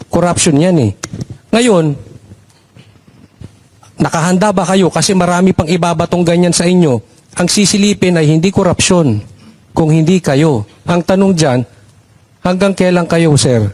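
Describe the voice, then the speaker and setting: A male vlogger with a fairly high voice comments on a panel. He talks directly and presses the guests with pointed questions. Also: normal speed, pauses often, a little mellow.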